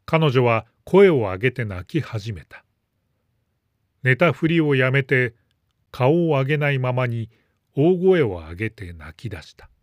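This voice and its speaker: A man reading a story aloud in a calm, measured narration. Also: medium pitch, no room sound. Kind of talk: scripted narration.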